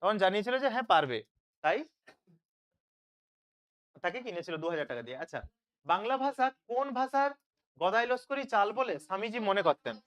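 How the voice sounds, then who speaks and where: Tutor, online revision lesson, smooth clear voice, asks and then answers. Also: mid-range voice, animated, fairly quick, pauses often, fairly bright tone. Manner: asks questions and answers them himself, checks with "তাই তো?". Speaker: teacher. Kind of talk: online live class, question-and-answer revision.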